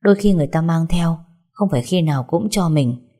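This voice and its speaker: Woman doing a gentle, reserved young man. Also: sits low, lively intonation, fairly quick. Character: quiet, tender young man in love.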